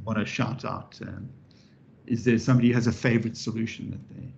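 Animated male professor, dull lo-fi recording. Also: fairly low pitch, fairly quick, vocal fry. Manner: lively and animated, with frequent restarts and wry asides. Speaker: professor giving a public lecture. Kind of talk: interactive lecture.

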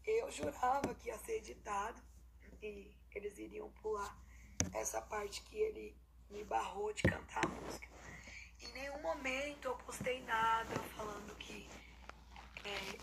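Hoarse, creaky young Brazilian woman. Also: fairly high pitch, fairly even intonation, unhurried. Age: young adult. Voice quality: hoarse, breathy. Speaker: singer. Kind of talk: casual personal statement to phone camera. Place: lying down in a room indoors. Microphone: phone held at arm's length. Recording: noisy phone recording.

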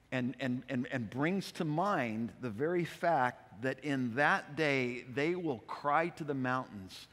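Pastor, male, casual preaching voice with repetitions, mid-pitched, big church reverb. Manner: conversational, animated preaching with repetitions. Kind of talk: expository sermon. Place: church sanctuary. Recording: long hall reverb.

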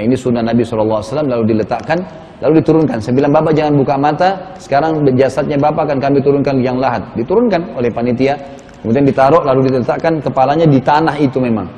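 A man's voice: mid-range voice, fast, warm tone, in a large hall, a little hiss or hum. A man preaching a sermon, retelling a story with quoted dialogue and building to urgent pleading.

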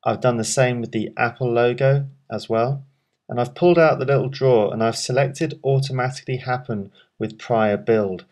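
A man presenting a software tutorial, calmly explaining each step of a screen walkthrough with frequent ums. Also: medium pitch, normal speed.

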